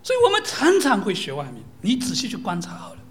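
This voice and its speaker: Lively, animated sermon preacher. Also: mid-range voice, fast. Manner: lively storytelling with rhetorical questions.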